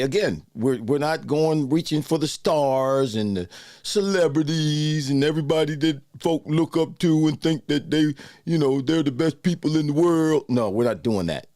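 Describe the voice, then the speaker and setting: A man's voice: medium pitch, darkish tone, no room sound, clean studio sound. A man in his sixties hosting a casual live show, chatting loosely and greeting viewers by name. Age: 60s. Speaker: host. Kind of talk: casual livestream chat with viewers.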